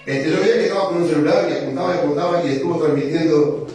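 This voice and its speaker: A man, the host pastor, welcoming a visiting couple to the service with jovial, laughing banter. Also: fairly high pitch. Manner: warm, jovial, quick to laugh. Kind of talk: welcoming a guest in a church service. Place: church sanctuary. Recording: echoey church hall, far from mic.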